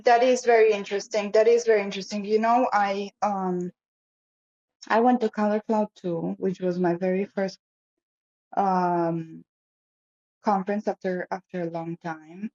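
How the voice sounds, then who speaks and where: A woman's voice: medium pitch, fairly even intonation, moderate pace, a little mellow, highs cut off. A woman co-hosting a podcast, chatting casually and telling a story from a conference. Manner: chatty, storytelling, says "whilst". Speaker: podcast co-host. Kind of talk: casual chat.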